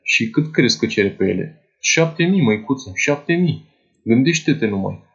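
A man's voice: medium pitch, expressive, highs cut off, lightly acted. A man playing a poor, fussy older clerk who confides in a young woman in a chatty, doting way. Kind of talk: dramatized literary monologue.

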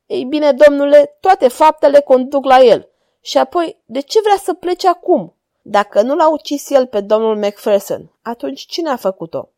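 A woman's voice: high-pitched, lively intonation, dark tone, no echo, clean studio sound, voice pushed up. A woman voicing a worried male police inspector who presses eager, pleading questions in a storybook reading. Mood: anxious.

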